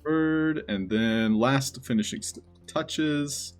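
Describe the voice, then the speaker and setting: A man's voice: mid-range voice, slow, smooth, soft background music. A man hosting a live stream, chatting casually with his viewers.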